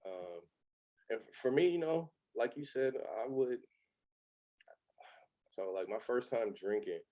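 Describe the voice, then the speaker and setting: A man's voice: medium pitch, animated, slow, dark tone. A man from Los Angeles in his thirties, a podcast guest talking candidly in a loose, rambling way with many fillers. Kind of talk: casual chat.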